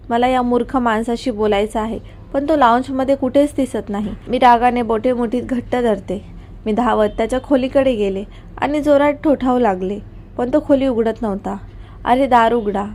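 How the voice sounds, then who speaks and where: A woman storyteller reading a scripted first-person story in a steady, even way. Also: on the high side.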